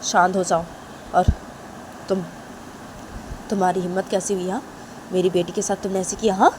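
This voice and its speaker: A woman's voice: mid-range voice, flat delivery, moderate pace, noisy background, natural voice. A woman voicing an angry protective father who threatens and demands answers. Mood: furious. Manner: threatening, demanding, repeats "हाँ?".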